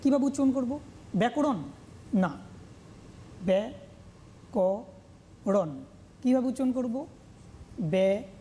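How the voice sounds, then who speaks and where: A Bengali-accented woman teaching grammar on a TV lesson, slowly repeating words to drill their pronunciation. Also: high-pitched, steady tone, warm tone, slight background noise. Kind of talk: televised classroom lesson.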